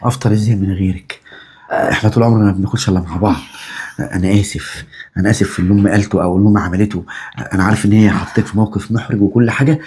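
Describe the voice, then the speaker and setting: A man's voice: lowish voice, steady tone, very fast, darkish tone, slight background noise, lightly acted. A man playing a devoted husband and son with an Egyptian accent, earnest and emphatic as he pleads and reasons. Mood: tender. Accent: Egyptian Arabic.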